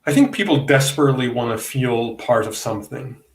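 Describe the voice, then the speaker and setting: A man's voice: mid-range voice, a little fast, roomy sound, poor audio. A man from Italy with an Italian accent, hosting a casual debate podcast and speaking bluntly, with some profanity. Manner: blunt, heated, profane about opponents. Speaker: podcast host.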